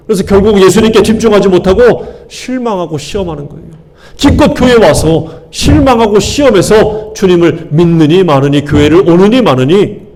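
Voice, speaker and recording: A male pastor delivering a sermon in a fairly high voice for a man. He keeps asking the congregation questions and answering them himself, and he repeats key words for emphasis. His delivery rises and falls between pointed appeals and quieter, settled statements. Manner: call-and-response questions to the congregation, emphatic repetition.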